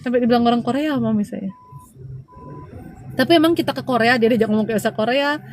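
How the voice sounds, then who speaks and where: A chatty, teasing woman with a Balinese Indonesian accent hosts a casual live stream as a spiritual healer, calling her viewers dear. Her voice sits somewhat high, with a faint hiss of noise behind it. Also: quick pace. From Bali, Indonesia.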